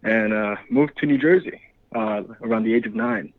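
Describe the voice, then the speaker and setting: A man's voice: fairly low pitch, normal speed, no room sound. Laid-back young man on a phone line. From Dominican Republic. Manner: laid-back, laughs often, many fillers. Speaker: guest actor. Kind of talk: casual interview.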